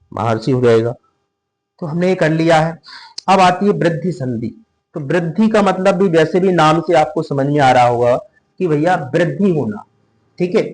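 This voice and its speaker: A man's voice: fairly high pitch, poor audio. A man teaching a class, patient and repetitive, often asking the students questions. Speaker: tutor. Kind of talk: classroom lesson explaining grammar rules.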